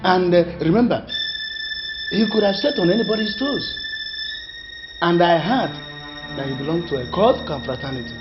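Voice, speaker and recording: A man's voice: high-pitched, animated, normal speed, long pauses. A man playing an older man protesting that he had no part in a killing. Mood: pleading. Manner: protesting, pleading. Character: elder man denying a killing. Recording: dull lo-fi film audio with music.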